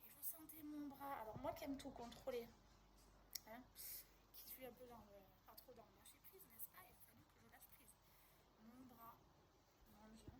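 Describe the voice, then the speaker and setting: A woman tells a personal story in a relaxed, chatty way, acting out the people she quotes. Her voice sits a little high. Steady background noise runs under her talk. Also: moderate pace, long pauses. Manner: chatty and animated, quoting others with laughs. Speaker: vlogger. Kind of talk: casual storytelling to camera. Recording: noisy background.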